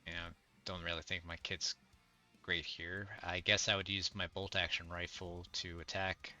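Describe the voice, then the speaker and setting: A man's voice: low voice, level tone, moderate pace, sharp tone, soft background music. A man playing a tabletop game, counting out his dice rolls methodically. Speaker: player. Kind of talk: casual tabletop game play.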